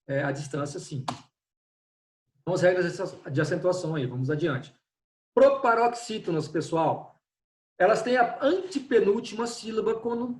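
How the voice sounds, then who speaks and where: A man with a slightly high, slightly mellow voice teaches an online Portuguese class, explaining step by step and often checking in with his students. He keeps repeating "né?" and "pessoal," and he's distant from the mic in an echoey room.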